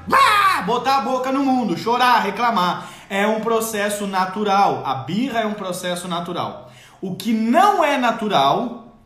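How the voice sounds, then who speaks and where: Dramatic guy lecturing moms about kids' feelings, high voice, echoey room. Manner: expressive, theatrical, direct address to mothers. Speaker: parenting educator. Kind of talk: motivational parenting talk. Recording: roomy echo.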